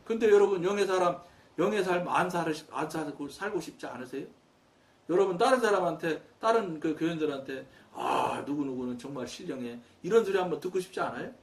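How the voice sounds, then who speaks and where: Lively high-pitched preacher, set back from the mic. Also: male voice, brisk, recorded from a distance. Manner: storytelling with quoted dialogue, emphatic rises and soft drops. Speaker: pastor. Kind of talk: sermon.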